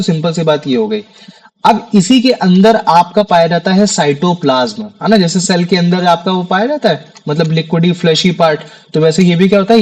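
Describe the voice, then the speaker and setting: A man's voice: high-pitched, a little mellow, rough recording. A young man teaching a science class in a casual way, often repeating key terms as questions to his students.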